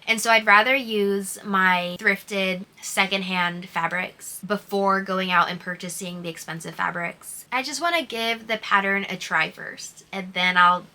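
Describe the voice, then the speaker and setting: A woman's voice: medium pitch, bright, forceful tone. An American woman chatting casually and gushingly as a sewing vlogger, with a speech impediment that turns her R sounds toward w. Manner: gushing, informal, emphatic.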